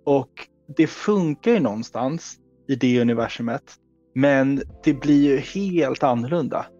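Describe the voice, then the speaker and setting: A man's voice: medium pitch, expressive, a little mellow, no room sound, dull audio, faint music behind. A man co-hosting a casual gaming podcast, thinking aloud through examples. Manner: thoughtful, talks through examples. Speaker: podcast co-host.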